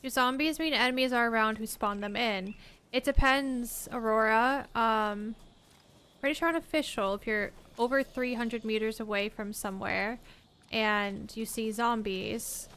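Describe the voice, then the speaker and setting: A woman's voice: a little high, unhurried, fairly bright tone, clean tone. A woman livestreaming a game, chatting casually and talking to viewers and teammates by name. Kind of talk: casual gameplay chat while reading chat.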